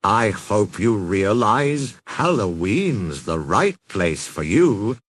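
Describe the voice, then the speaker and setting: A man voicing a kindly old Santa Claus who gently chides, in a measured, avuncular storybook manner. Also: on the low side, sing-song, no room sound, full character voice. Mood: gently chiding.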